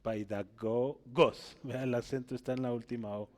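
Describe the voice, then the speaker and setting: Male preacher, teaching sermon, emphatic rising peaks, mid pitch, church hall with long reverb. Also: fairly even intonation, fast, dark tone. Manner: rises to emphatic peaks on quotes and key words, frequent "¿verdad?" checks.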